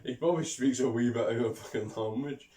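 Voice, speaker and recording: A man's voice: medium pitch, fast, mellow, distant mic, a little hiss or hum. A young Scottish man co-hosting a casual chat, sweary and ranting, laughing often. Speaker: YouTube co-host. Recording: roomy and off-mic.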